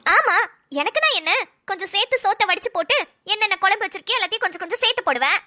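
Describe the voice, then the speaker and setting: A woman's voice: extremely high pitch, lively intonation, racing, pushed and bright, exaggerated voice. A woman voicing a sassy young mother in a cartoon, who argues in a snappy, defensive way. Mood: argumentative. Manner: snappy, argumentative. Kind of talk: cartoon voice acting.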